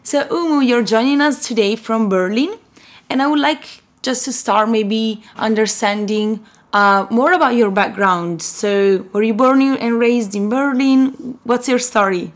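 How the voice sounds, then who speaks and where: A woman's voice: a little high, measured pace. A woman hosting an interview, asking friendly, curious questions. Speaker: host.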